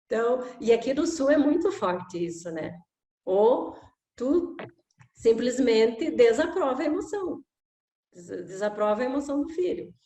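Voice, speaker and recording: A woman's voice: a little high, very animated, measured pace, dark tone. A middle-aged woman explaining emotional education in a conversational way, often adding "né?" and acting out examples. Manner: conversational, with frequent "né?" tags and acted examples. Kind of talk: informal talk to camera. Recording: echoey room.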